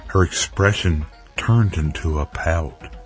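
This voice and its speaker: A man narrating a dramatic story in a measured, even way, with faint music underneath. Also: low voice.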